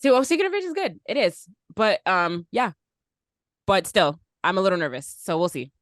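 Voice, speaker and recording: A young woman co-hosting a casual podcast, chatty and quick to laugh. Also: medium pitch, big pitch swings, no room sound, studio quality. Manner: chatty, laughs often, lots of "like". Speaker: podcast co-host. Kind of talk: casual chat.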